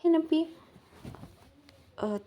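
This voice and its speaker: A woman's voice: drawn-out words, dark tone, dull audio. A woman casually retelling a story, rambling, with many repeated fillers.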